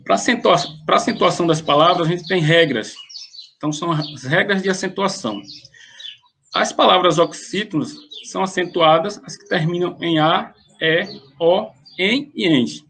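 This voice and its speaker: Man teacher, slightly high gravelly voice, talks through a grammar lesson, faint hiss behind. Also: moderate pace, sharp tone. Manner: plain explaining with frequent restarts.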